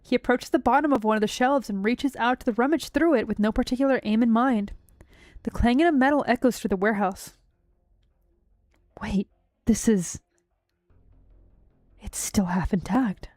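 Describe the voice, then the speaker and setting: Excitable woman streamer, dry close mic. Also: a little high, quick pace, no room sound. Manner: excitable, jokey. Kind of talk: casual chat while reading a game story aloud.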